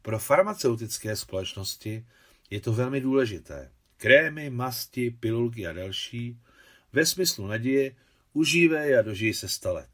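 A man reading a novel aloud as an audiobook narrator, expressive and measured. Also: mid-range voice.

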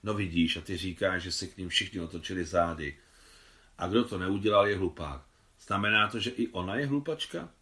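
A man's voice: lowish voice, sing-song, bright, forceful tone. A man reading a novel aloud, voicing a young man who speaks in a teasing, challenging way.

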